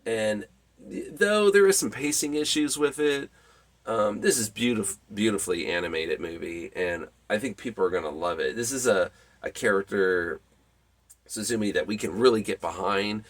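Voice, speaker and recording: A man with a fairly low voice talks through a movie review in an off-the-cuff way. He rambles, restarts his sentences and fills pauses with ums. His enthusiasm comes through in lively jumps in pitch. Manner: rambling, many fillers and restarts. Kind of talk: casual spoken review.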